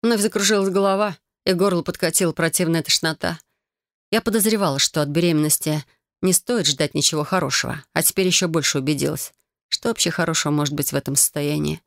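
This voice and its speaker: Low-voiced woman narrating a novel. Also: fast talker, no echo, clean studio sound. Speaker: audiobook narrator. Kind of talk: first-person audiobook narration.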